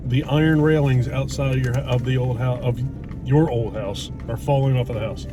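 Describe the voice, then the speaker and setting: A man's voice: mid-range voice, fairly even intonation, moderate pace, over music. A middle-aged man chatting casually and bluntly as a food vlog host, rambling and cursing a little. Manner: blunt, mildly profane, rambling. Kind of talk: casual chat. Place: inside a parked car in a driveway. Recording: noisy car interior with road hum.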